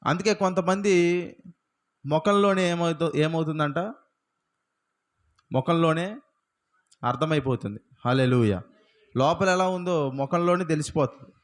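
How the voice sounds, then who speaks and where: A man's voice: fairly high pitch, unhurried, pauses often. A male pastor preaching a sermon, firing rhetorical questions at the congregation and punctuating points with repeated hallelujahs.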